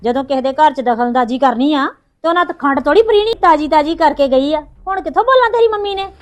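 A woman's voice: high voice, expressive, fast talker. A woman playing a defensive young daughter-in-law who complains and explains herself in a rush. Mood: complaining.

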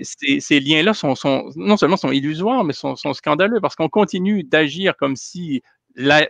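A middle-aged man speaks on a video call through a headset, with a gravelly texture to his voice. The sound is dry and close. He presses his arguments emphatically, stacking up repeated words as he goes. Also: medium pitch, a bit bright, no room sound. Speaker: author and guest. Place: home study with bookshelves.

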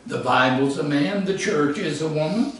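A man preaching a sermon, emphatic, rising to shouts and dropping low. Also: normal speed. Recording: echoey hall from far off.

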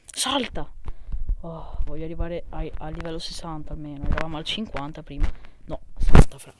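A man's voice: a little high, fairly quick. A young man with an Italian accent giving casual, emphatic, exclamatory gameplay commentary full of slangy complaining. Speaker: gamer recording gameplay for videos. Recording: very noisy mobile screen recording with clicks.

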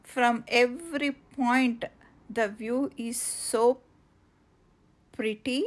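A woman narrating a casual travel vlog outdoors on coastal cliffs, halting with many fillers and restarts. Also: fairly high pitch, steady tone. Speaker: travel vlogger.

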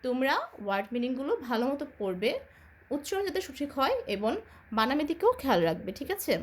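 A Bangladeshi woman teacher with a high, lively voice leads a children's English lesson. She drills slowly, spelling words out letter by letter and posing questions that she then answers herself.

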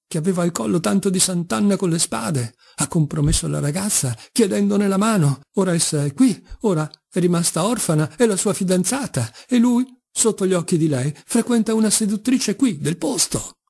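A man's voice: sits high, vocal fry, darkish tone, husky, full character voice. A man reading an audiobook, voicing an older scheming, buffoonish father who whines and plays the wounded victim. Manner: theatrical, whining, mock-pleading. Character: old buffoonish scheming father, shrill and wheedling.

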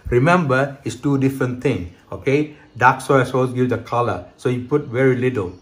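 In a medium-pitched voice at normal speed, this middle-aged Hong Kong cooking show host talks through a home kitchen demonstration step by step. He keeps checking in with "okay" and "right", recorded by a nearby handheld camera.

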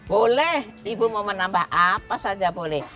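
Woman cooking-show host, outdoors, lapel mic, lively pitch, music playing behind. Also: moderate pace. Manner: chatty, instructive, keeps addressing the audience as "Bu". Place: outdoor street cooking stage.

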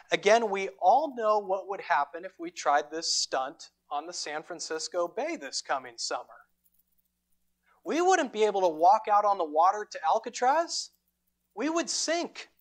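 A man preaching a sermon as pastor, retelling a scripture story with dramatic emphasis and deliberate pauses. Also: high voice. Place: church sanctuary.

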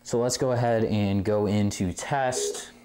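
Over loud music, a man with a lowish, fairly even voice talks a little slowly as he hosts a casual pinball repair tutorial. The recording comes from a tripod camera mic a short distance away in an indoor arcade game room, with clear background noise and clicks.

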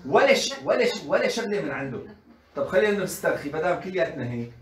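Animated man lecturing in an echoey hall. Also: on the high side, fast talker. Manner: animated, rhetorical questions, acts out quoted speech. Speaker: lecturer on parenting. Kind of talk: colloquial lecture to mothers. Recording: echoey room, voice from a distance.

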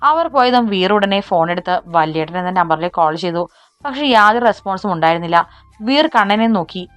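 Low-voiced woman narrating a romance. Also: dry recording. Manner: steady storytelling. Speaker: audiobook narrator. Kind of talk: scripted narration of a romance story.

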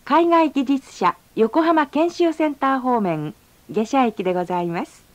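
A woman reading a polite, formal onboard train announcement, slowing down to stretch out each station name. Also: high voice, lively intonation. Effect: recorded onboard train announcement. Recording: slightly dull lo-fi sound.

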